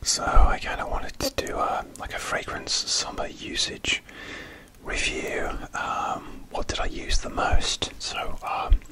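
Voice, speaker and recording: A man speaking in a steady unvoiced whisper, rambling with many fillers and restarts as he hosts his ASMR video. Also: takes it slowly. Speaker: ASMR creator.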